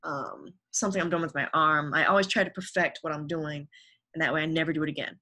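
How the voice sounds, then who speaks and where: Bright-voiced young woman, earnest guest. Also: sits low, steady tone, fast talker. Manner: earnest, upbeat advice-giving. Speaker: podcast guest, actress. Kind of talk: casual interview chat.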